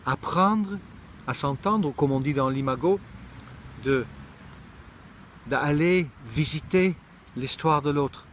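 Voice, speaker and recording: A man's voice: on the high side, takes it slowly, pauses often, fairly bright tone, a little hiss or hum. A middle-aged man from Israel giving a reflective monologue, thoughtful and searching for words, often restarting his sentences. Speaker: speaker sharing personal reflections.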